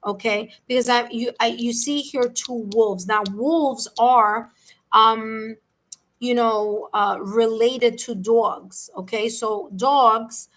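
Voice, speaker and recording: A woman's voice: a little high, steady tone, slow, low-quality recording. A woman with a New York accent giving a live-streamed tarot reading, rambling along with frequent "okay?" check-ins and restarts. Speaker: tarot reader.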